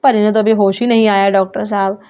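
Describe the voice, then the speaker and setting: A woman's voice: mid-range voice, little pitch movement, fast talker, clear, resonant tone, natural voice. A woman voicing a worried grown man who pleads with a doctor and grumbles about her fee, in a doll story. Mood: anxious. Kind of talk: doll story role-play. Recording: dull lo-fi sound.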